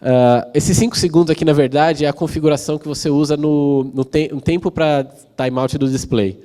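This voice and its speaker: A Brazilian man with a Brazilian Portuguese accent gives a technical conference talk fairly quickly, explaining things casually with frequent fillers and tag questions to check in with the audience. His voice is dark, mellow, and mid-pitched for a man, and a long large-hall reverb trails each phrase.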